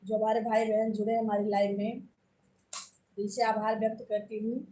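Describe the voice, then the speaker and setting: A woman's voice: medium pitch, level tone, normal speed, dark tone. A woman with an Awadhi accent hosting a live stream in a homely, chatty way, repeatedly urging viewers to join. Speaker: live-stream host and folk singer. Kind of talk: casual live-stream chat. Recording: distant mic with faint background noise.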